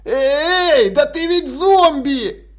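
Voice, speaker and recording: A man's voice: extremely high pitch, expressive, drawn-out words, a bit bright, pitched above the performer's own voice, heavily acted. A man voicing a frightened male leader of a band of thieves, stammering and pleading. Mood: whining.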